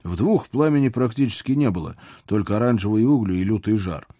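Brief: male first-person audiobook narrator, dark mellow tone, dry ironic delivery. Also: lowish voice, fairly quick, no echo. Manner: wry, ironic storytelling.

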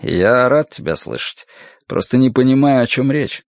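A wary detective, businesslike with a hint of suspicion, voiced by a male narrator. His voice is gravelly and mid-pitched. The recording is dry and close, as in an audiobook. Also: expressive, moderate pace, dry recording, lightly acted. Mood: guarded.

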